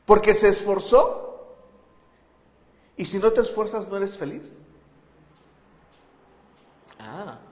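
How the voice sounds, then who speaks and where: A man's voice: sits high, lively intonation, takes it slowly, long pauses. A pastor preaching a conversational sermon, asking his listeners rhetorical questions. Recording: echoey hall with long reverb.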